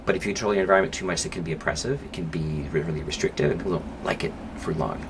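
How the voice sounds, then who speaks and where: Male podcast guest, psychologist type. Very low, deep register. Measured, reflective delivery. Steady noise under the voice. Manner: thoughtful, measured, with pauses and fillers. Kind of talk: podcast interview conversation. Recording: clear background noise.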